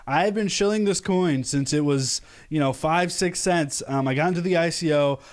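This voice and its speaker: A man's voice: fairly high pitch, normal speed. A young American man from the United States hosting a casual live stream, talking upbeat and rambling with many fillers and restarts. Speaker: crypto channel host.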